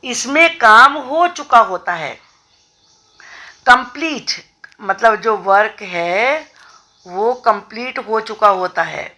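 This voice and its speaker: A woman from India teaching an English grammar lesson, explaining slowly and deliberately with repeated examples. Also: fairly high pitch, expressive, bright, forceful tone.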